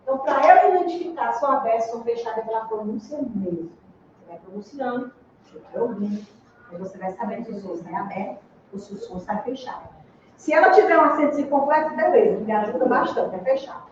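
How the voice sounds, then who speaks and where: High-voiced teacher in echoey hall. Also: female voice, animated, quick pace, slight background noise. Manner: explains step by step, asks "né?" and "entendeu?". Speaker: Portuguese teacher. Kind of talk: exam-prep lecture. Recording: echoey room, distant dull mic.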